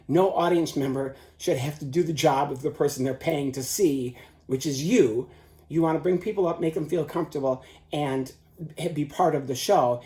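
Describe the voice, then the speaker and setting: Mellow man teaching in an echoey room. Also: on the high side. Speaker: ventriloquism instructor and performer. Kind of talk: informal instructional talk. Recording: roomy, echoing sound.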